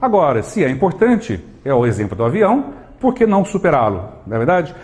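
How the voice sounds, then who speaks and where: A man with a Brazilian Portuguese accent giving a live motivational talk to an audience, animated and full of rhetorical questions, acting out little scenes. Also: a little high, fairly quick. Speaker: motivational speaker.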